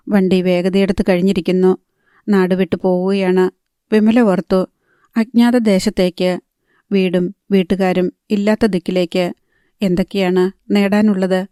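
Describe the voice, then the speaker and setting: A woman narrating a novel in a measured, steady reading. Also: mid-range voice, dry recording, studio quality. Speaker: audiobook narrator. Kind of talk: scripted narration.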